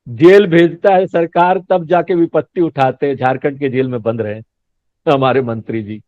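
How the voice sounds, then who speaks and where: A swami holds forth in Hindi on spiritual matters, his male voice a little high, steady in tone and a bit slow. He's chatty, laughs often and asks his listeners questions, captured in a dull, dry lo-fi recording with no room sound.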